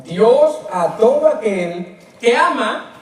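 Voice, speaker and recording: Captured by a distant mic in a very echoey church hall, this pastor's voice is extremely high-pitched. He preaches slowly but with animation and emphasis, posing rhetorical questions to his congregation.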